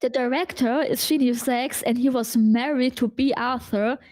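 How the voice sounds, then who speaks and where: High-voiced woman, eager film fan guest. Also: steady tone, darkish tone. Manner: eager, halting, repeats words. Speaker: podcast guest. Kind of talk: casual film podcast chat.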